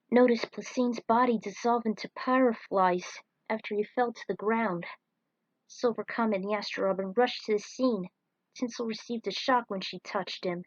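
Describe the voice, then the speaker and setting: Here a woman of medium pitch performs the narration of her own action fan fiction in a theatrical, scripted way. It's a dry, close recording with a dull, low-fidelity sound.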